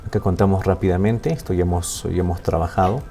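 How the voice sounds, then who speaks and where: A man teaching a Quechua language lesson in Spanish with a Peruvian accent, explaining slowly and checking in often with "¿no?" and "¿sí?". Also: low voice, steady tone, gravelly, dark tone, soft background music. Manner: slow, explaining with frequent "¿no?" and "¿sí?" checks.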